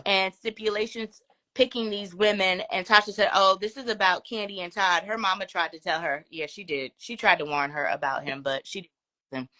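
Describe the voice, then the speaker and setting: A woman hosting a casual live stream, reading viewer comments aloud with laughs and quick asides. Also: medium pitch, sharp tone, dry recording.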